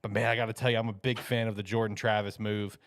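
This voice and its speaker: A man's voice: lowish voice, flat delivery, fast, no room sound, clean studio sound. A man co-hosting a casual football podcast, enthusiastic and emphatic, often tossing in "man.". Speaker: co-host. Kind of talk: casual sports podcast chat.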